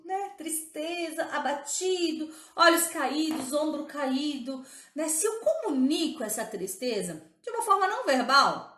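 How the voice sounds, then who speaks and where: A woman's voice: very high-pitched, fairly bright tone, roomy sound. A woman teaching in a live-streamed talk as a motivational coach, emphatic and often checking in with her listeners.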